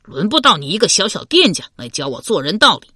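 A woman voicing a hot-tempered young male officer who talks fast and indignantly. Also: mid-range voice, big pitch swings, bright, forceful tone, breathy edge, no echo, studio quality, full character voice.

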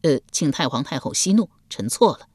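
A nervous, bowing male courtier, played by a woman reader, pitched low and dry. He hesitates and stammers, deferring at every turn. Close, dry audiobook sound. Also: big pitch swings, a little fast, darkish tone, no echo. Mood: deferential. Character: timid, anxious male court official nephew.

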